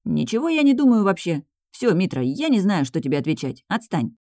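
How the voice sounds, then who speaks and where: A woman voicing a meek, patient young male stable boy in an audiobook, calm and mildly exasperated. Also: medium pitch, a little fast, no echo, clean studio sound, lightly acted.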